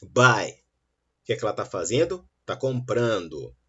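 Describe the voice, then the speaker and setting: A man teaching an English lesson, saying model sentences slowly and clearly between quicker explanations. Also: lowish voice, big pitch swings, bright, forceful tone. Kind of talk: online English lesson for Portuguese speakers. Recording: dull, lo-fi sound.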